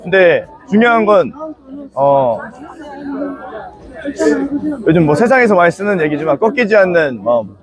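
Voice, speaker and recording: A man's voice: high voice, big pitch swings, moderate pace, long pauses, a crowd in the background. A young man answering interview questions as a student, choosing his words carefully. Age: young adult. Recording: dull, band-limited interview audio.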